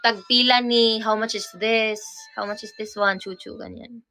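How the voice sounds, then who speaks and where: A woman's voice: a little high, fairly even intonation, unhurried, bright, forceful tone. A young woman from Cebu with a Cebuano accent, hosting a casual livestream and patiently explaining Bisaya words, often repeating and correcting herself. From Cebu, Philippines. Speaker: livestream host. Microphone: phone or camera mic on a livestream.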